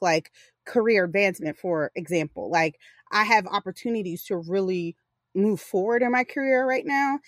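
A woman's voice: mid-range voice, no room sound, clean studio sound. A woman in her forties co-hosting a podcast, chatting casually in a candid, rambling way that often corrects itself. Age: 40s. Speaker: podcast co-host. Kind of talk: casual chat.

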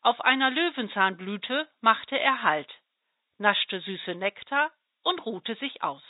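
A woman's voice: fairly high pitch, takes it slowly, no room sound. Woman reading a story over tinny sound. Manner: gentle, expressive reading. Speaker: parish volunteer. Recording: dry, tinny phone-like sound.

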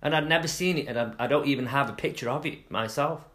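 A man's voice: medium pitch, quick pace, fairly bright tone. A middle-aged man from England co-hosting a casual chat, rambling and trailing off mid-sentence with fillers. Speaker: podcast co-host.

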